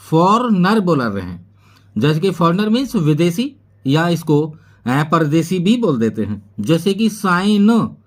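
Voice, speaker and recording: A male English teacher with a fairly high voice. He gives a patient classroom lesson, spelling words out letter by letter and then explaining their meanings. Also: darkish tone.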